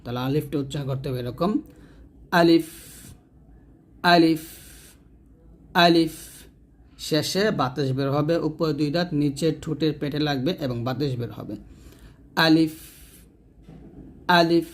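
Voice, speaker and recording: Male Quran tutor, slightly high voice, patient step-by-step delivery, repeats each sound. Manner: slow, patient instruction, repeating each letter sound several times; asks questions and answers them himself. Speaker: Quran teacher. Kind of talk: step-by-step pronunciation lesson.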